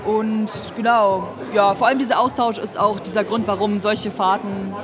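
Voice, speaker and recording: A woman's voice: mid-range voice, fairly even intonation, normal speed. Giggly young woman with crowd behind. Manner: hesitant, giggly, many fillers. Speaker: festival participant. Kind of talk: casual interview answer. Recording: crowd chatter at a busy event.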